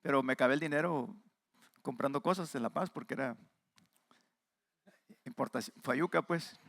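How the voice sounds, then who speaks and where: A man with a Mexican Spanish accent, preaching a sermon and speaking straight to the congregation, emphatic with quieter asides. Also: mid-range voice, moderate pace, creaky, no room sound. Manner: addresses the congregation directly. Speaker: pastor.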